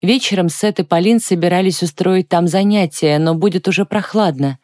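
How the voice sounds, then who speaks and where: A woman reads an audiobook in a calm, even manner. Her voice sits fairly low. The recording is dry and close to the mic. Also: normal speed, no room sound. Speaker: audiobook narrator. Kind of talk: scripted narration.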